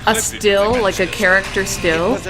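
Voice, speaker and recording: A woman's voice: medium pitch, measured pace, music in the background, low-quality recording. A young adult woman co-hosting a podcast, chatting casually and explaining animation industry terms with a lot of "like". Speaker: podcast co-host. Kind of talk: casual chat reviewing a cartoon.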